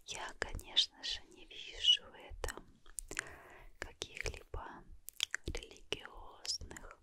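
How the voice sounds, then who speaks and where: A tired young woman chatting in a gentle, breathy whispered murmur, ASMR style, very close to a condenser microphone. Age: young adult. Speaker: ASMR host. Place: small dim room, lying on a pillow. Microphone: large condenser mic very close to mouth.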